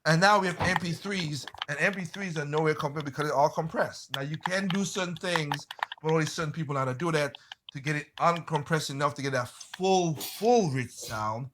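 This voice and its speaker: A man in a casual group chat, telling stories in an animated way, swearing freely and often restarting his phrases. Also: a little high, brisk, noisy background. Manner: animated storyteller, swears freely, exclaims loudly.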